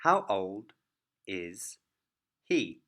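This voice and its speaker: A man teaching a beginner English lesson, speaking each word clearly and deliberately. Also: sits low, sing-song, pushed and bright. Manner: clear, careful word-by-word delivery.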